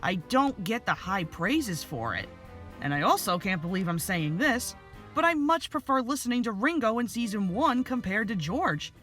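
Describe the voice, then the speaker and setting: A reviewer gives opinionated commentary in a bright, sharp voice with very lively intonation. Light music plays underneath. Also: medium pitch, normal speed.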